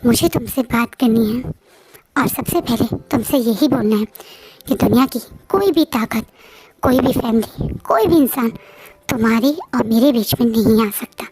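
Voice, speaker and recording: A woman voicing a cold, possessive young man in a story recap, speaking in low, firm declarations. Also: normal speed, a little mellow, close to an everyday voice, low-quality recording. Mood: intense.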